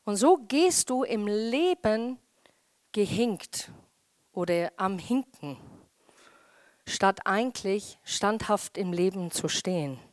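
Lively woman preaching a sermon. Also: medium pitch, takes it slowly, dry recording. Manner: animated, acts out quoted voices. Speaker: pastor.

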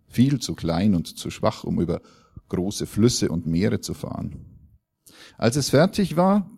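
A male pastor reads a story aloud with a low, mellow voice. His delivery is calm and measured, suited to a sermon. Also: gravelly.

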